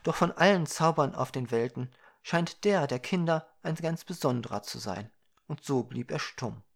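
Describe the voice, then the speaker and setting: A man reading a fairy tale aloud, calm and quiet. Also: a little high, moderate pace, creaky. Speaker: narrator. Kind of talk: storybook reading.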